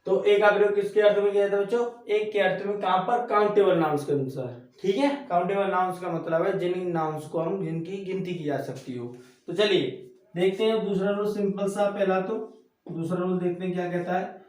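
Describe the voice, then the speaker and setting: A man's voice: sits high, steady tone, fairly quick, a little mellow. A male tutor with a Hindi accent explaining a grammar lesson step by step and checking that his students follow. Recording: echoey room from far off.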